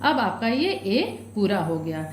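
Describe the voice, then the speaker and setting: A woman's voice: medium pitch, big pitch swings, takes it slowly, echoey room, slight background noise. A woman teaching young children from a workbook, patient, asking questions and answering them herself. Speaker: primary school teacher.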